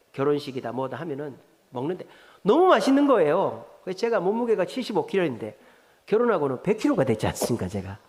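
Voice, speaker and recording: A middle-aged pastor with a Gyeongsang Korean accent, preaching in a chatty way, quizzing his congregation and telling jokes. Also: on the high side. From South Korea, Gyeongsang region. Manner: conversational, asks the congregation questions, jokes. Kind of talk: sermon. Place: church sanctuary. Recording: long hall reverb in a church.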